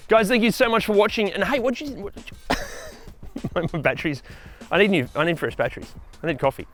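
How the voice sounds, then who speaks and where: A man with an Australian accent presents a used car review outdoors beside a car, upbeat and animated, swearing when he fluffs his lines. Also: sits high, fast, faint music behind.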